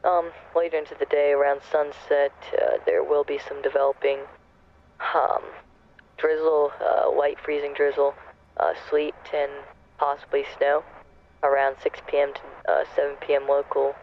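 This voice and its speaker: Male pilot on the cabin PA: slightly high, monotone, hesitant with fillers, phone-thin sound. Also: gravelly. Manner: halting, many fillers and self-corrections. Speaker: airline pilot. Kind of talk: in-flight cabin announcement. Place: airplane cockpit. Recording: tinny cabin PA with engine hum.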